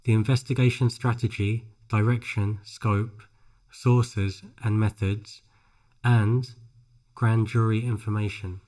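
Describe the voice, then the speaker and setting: A man reads scripted narration for a pronunciation drill, phrase by phrase, with careful, measured enunciation. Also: lowish voice, dark tone. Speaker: English shadowing practice narrator.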